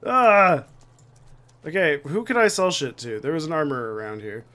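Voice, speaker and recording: A man's voice: a little high, sing-song, normal speed, bright, forceful tone. A young man giving casual, sweary, joking commentary as he plays a game. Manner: sweary, joking, reacting aloud. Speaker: gamer commentating a playthrough. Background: game music.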